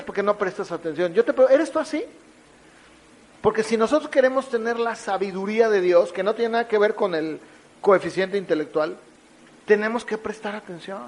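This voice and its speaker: A man with a high voice preaching a sermon. He teaches through everyday examples and keeps asking his listeners questions. He acts out little scenes in a lively way, shifting his voice for each. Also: poor audio.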